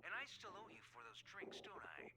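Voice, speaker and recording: An actor playing a gruff, easygoing middle-aged knight commander in a video game. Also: male voice, high voice, huge pitch swings, a little fast, heavy background noise, heavily acted. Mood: wry. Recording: game audio with loud music behind.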